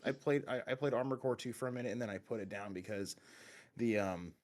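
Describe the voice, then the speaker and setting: A man's voice: medium pitch, quick pace. A man co-hosting a casual gaming podcast, talking in long rambling runs with many restarts and fillers. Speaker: podcast co-host.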